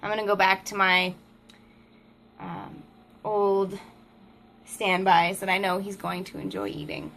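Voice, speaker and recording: A woman's voice: medium pitch, animated, unhurried, long pauses, a bit bright, slight background noise. A mom vlogger chatting casually to the camera at home, laughing often and breaking off to talk to her toddler. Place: family home, indoors.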